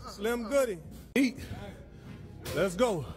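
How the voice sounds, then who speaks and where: Over loud music in a big indoor gym, a forties-aged man holds his phone to film a workout, delivering hype commentary. He chants catchphrases and counts reps in a high, expressive voice at a slow pace.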